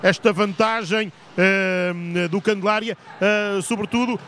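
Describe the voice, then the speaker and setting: Male play-by-play commentator, high register, measured short phrases, faint venue noise. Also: steady tone, a bit bright. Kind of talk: live rink hockey commentary.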